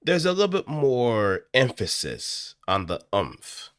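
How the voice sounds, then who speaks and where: Thinking aloud off the cuff, an amateur voice actor with a mid-range voice explains voice acting in an animated, demonstrative, improvised tutorial, taking it slowly. The sound is clean and dry, from a close studio microphone through an audio interface.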